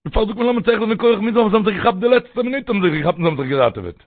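A man's voice: sits high, lively intonation, racing, dry recording. A man preaching a religious sermon, telling his stories with animation and breaking into raised cries. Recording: tinny phone-like recording.

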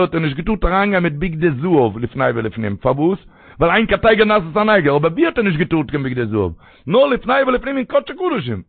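A man's voice: high-pitched, creaky, no echo. A man preaching a religious sermon, telling his stories with animation and breaking into raised cries. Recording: tinny phone-like recording.

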